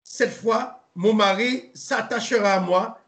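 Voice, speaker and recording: A man leads a relaxed Bible study, speaking in a fairly high voice. He stops and restarts often and spells out names letter by letter. The room around him is echoey. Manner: halting, repeats words, spells names letter by letter. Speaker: Bible teacher. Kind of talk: informal Bible study lesson. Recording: roomy echo.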